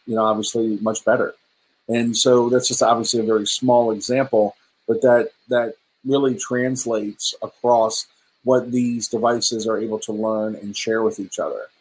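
This middle-aged virtual meetup presenter shows slides over a webcam from an indoor room at home, chatty and unsure, repeatedly restarting and saying um. His medium-pitched voice is level and a little mellow yet slightly rough, at normal speed. The recording is low quality.

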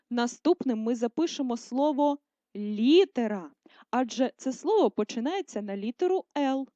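A woman teacher giving a video lesson to first graders, speaking slowly and carefully and drawing out words to stress them. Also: sits high, warm tone, dry recording. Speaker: primary school teacher. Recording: dull lo-fi sound.

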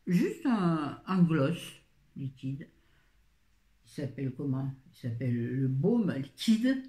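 A woman's voice: sits low, warm tone. Chatty woman vlogger in an echoey room. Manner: chatty, wry asides, frequent fillers. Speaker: beauty vlogger. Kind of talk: casual product haul chat.

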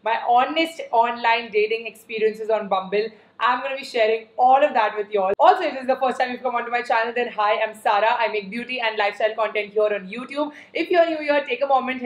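A woman's voice: fairly high pitch, quick pace, reverberant, rough recording. A young woman with an Indian accent, chatting casually on camera as a beauty and lifestyle vlogger while she eats. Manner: chatty, mixes Hindi and English.

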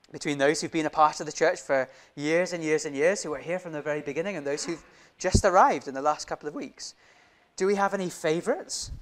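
A young man from Indonesia preaching in a church on a lapel mic. His voice sits a little high for a man, and he moves through the sermon with animated delivery and frequent direct questions to the listeners. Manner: animated, gestures broadly, many rhetorical questions. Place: church hall, indoors.

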